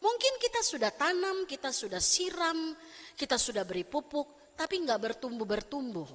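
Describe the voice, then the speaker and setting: A woman pastor preaching a lively, fast-talking sermon and acting out bits of everyday conversation with her congregation. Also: sits high. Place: church sanctuary. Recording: long church hall reverb.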